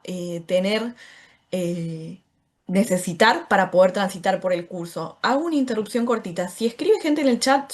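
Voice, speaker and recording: A woman with an Argentine Spanish accent teaching an online course, explaining step by step and checking in with the class as she goes. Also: a little high. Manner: explanatory, often asks "¿sí?" to check in.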